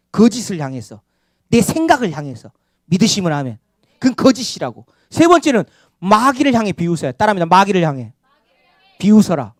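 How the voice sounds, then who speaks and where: A man's voice: very high-pitched, no echo, clean studio sound. A male pastor preaching a Sunday sermon, calling for amens and having the congregation repeat after him. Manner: animated preaching with call-and-response amens. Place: church sanctuary.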